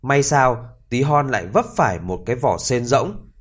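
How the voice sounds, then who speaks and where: A man narrating a fairy tale for listeners in a lively, expressive reading voice. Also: mid-range voice, normal speed, slightly rough. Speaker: storyteller.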